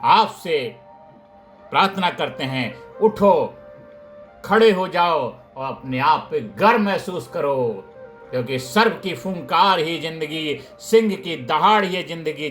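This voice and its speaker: A man giving a rousing motivational speech, repeating slogans in a chanting rhythm. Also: medium pitch. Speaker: motivational speaker. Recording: faint background music.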